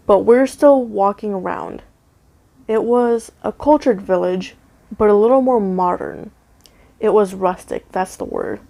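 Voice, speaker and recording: A woman's voice: medium pitch, creaky, darkish tone. A woman narrating a first-person story in a casual, wry way. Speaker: narrator reading a scary story.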